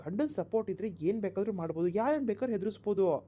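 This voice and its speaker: A woman voicing a calm middle-aged village husband in a cartoon, gently coaxing his wife to eat. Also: medium pitch, rapid-fire, lightly acted. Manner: soothing, coaxing. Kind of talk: cartoon voice acting.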